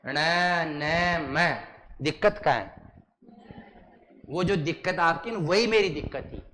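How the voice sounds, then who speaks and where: A man from Rajasthan teaches a coaching class in a fairly high voice, and his pace is slow and deliberate. He keeps firing the same question at his students and stretches each syllable out for them to copy. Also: expressive, a bit bright, slight background noise. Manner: repetitive question-and-answer drilling of students; exaggerated slow syllable-by-syllable pronunciation. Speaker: Hindi teacher. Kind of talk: live coaching class lecture.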